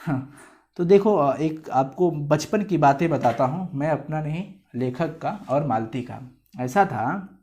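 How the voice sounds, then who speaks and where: A man's voice: on the high side, a little mellow. A man with a Bihari Hindi accent, a teacher chattily explaining a chapter to students and mixing in English words. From India. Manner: chatty, mixes English words into Hindi, acts out quoted lines.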